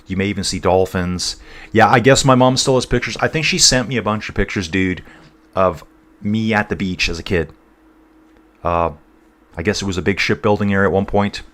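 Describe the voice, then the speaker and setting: A man's voice: fairly low pitch, moderate pace, a bit bright. A man from North East England hosting a casual cycling livestream, rambling between race commentary and reading out viewer chat, calling everyone dude and guys.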